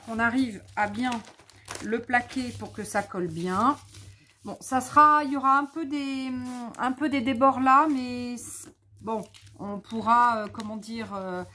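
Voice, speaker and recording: A woman's voice: a little high, sharp tone, slight background noise. A tired woman hosting a scrapbooking video, thinking aloud and teasing herself playfully as she works. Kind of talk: casual craft demonstration.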